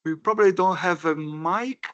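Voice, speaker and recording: A man's voice: high-pitched, a bit bright, muffled recording. A man moderating a conference panel, polite and chatty with some hesitations. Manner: polite, chatty, a bit halting.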